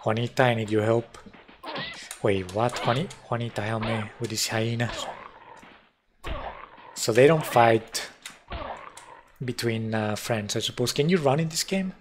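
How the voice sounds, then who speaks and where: A man's voice: medium pitch, normal speed, background noise. A man commenting as he plays a mobile game on a live stream, wry and self-mocking, talking to himself and his chat.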